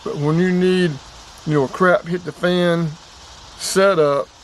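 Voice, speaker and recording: Unhurried and steady, a man's high-sitting voice carries this outdoor vlog demonstration, delivered casually and plainly with emphatic repetition. He is an outdoors and radio hobby vlogger from North Carolina, US. The recording is low quality, with clear background ambient noise.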